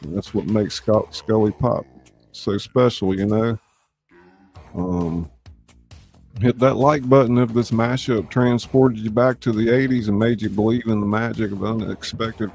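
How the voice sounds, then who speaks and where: This man's voice is lowish and somewhat dark. Hosting a live reading, he mixes scripted narration with folksy, y'all-heavy warm-up and sign-off chatter.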